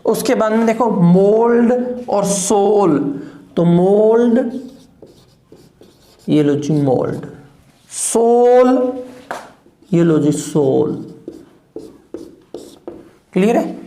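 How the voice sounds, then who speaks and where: A teacher walks through a phonetics lesson at a very slow pace, drilling each word by repeating it and correcting its wrong form. The voice is mellow and unhurried. The sound rings a little, as if recorded in an echoey room. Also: medium pitch. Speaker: English teacher.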